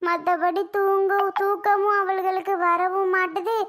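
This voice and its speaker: A woman voicing a slow, weary older aunt. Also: extremely high pitch, little pitch movement, a bit bright. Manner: slow, tired, complaining. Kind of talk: cartoon voice acting.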